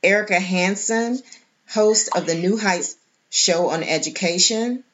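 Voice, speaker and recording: A woman hosting a round-table podcast, introducing guests in a measured, formal way with some hesitations. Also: mid-range voice. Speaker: host. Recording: dull lo-fi sound.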